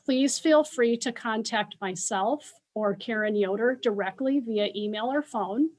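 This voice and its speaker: An American woman hosting an informational webinar as a school official, speaking in a measured way with pauses for an interpreter. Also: on the high side, a little mellow.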